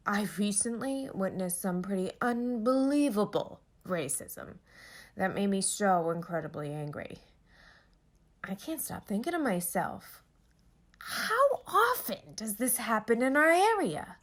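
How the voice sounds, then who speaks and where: A woman playing a troubled, hushed letter writer. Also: mid-range voice, big pitch swings, measured pace. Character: troubled woman asking a question. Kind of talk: stage play, reading a letter aloud.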